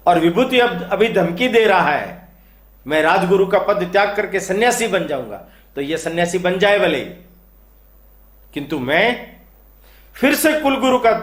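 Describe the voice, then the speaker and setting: An elderly royal priest speaks with warm, resolute conviction, as a storyteller puts him on. His pitch sits high and rises and falls a lot. The sound echoes around a roomy space.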